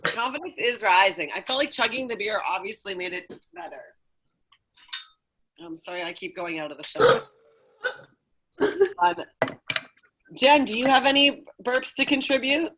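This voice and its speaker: A woman's voice: on the high side, lively intonation, normal speed, pauses often, noisy background. A woman chatting casually on a video call, joking in a self-deprecating way. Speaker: contest participant. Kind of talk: casual chat.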